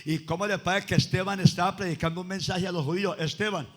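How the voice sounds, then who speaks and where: Fiery high-pitched Colombian preacher man. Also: steady tone, fast. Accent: Colombian Spanish. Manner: dramatic, swings from shouted praise to low intimate tones. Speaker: pastor. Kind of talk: Pentecostal revival sermon. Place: church service before a congregation.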